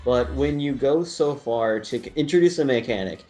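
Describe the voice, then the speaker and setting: A man's voice: medium pitch, moderate pace, mellow. A man in a casual let's play commentary, ranting and teasing his friends with strong opinions. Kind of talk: casual game commentary chat.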